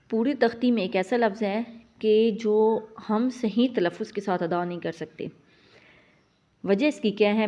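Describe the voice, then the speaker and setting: A woman gives a patient recitation lesson in a mellow, soft tone. She explains each sound plainly, then stretches out the model sounds slowly. The audio is slightly dull and lo-fi. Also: mid-range voice. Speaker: Quran tajweed teacher.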